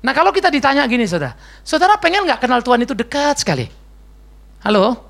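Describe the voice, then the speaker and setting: A man's voice: very high voice, quick pace, creaky. Chatty joking pastor guy, voice swings up and down a lot, slangy. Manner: lively, joking, slangy, mixes in English words. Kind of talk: conversational sermon with Q&A.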